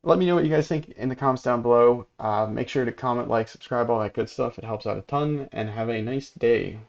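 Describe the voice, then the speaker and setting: A man's voice: mid-range voice, brisk, creaky. Laid-back man with a dull lo-fi mic. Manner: relaxed, thinking aloud. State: sleepy, yawning. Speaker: gaming channel host. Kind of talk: casual gameplay commentary.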